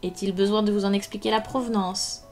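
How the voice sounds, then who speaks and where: A cold male ex-inspector who speaks dryly and hard, with menacing precision and a low, level delivery, voiced by a woman reading a novel aloud. Faint music plays under the reading. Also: steady tone, brisk, darkish tone, close to an everyday voice. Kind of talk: live audiobook reading.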